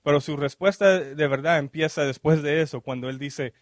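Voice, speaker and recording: This minister speaks in a higher-than-average male voice, captured as clean studio sound without echo. Delivering a sermon during a church service, he keeps asking the congregation "ok?" and posing questions, mixing English filler words into Spanish.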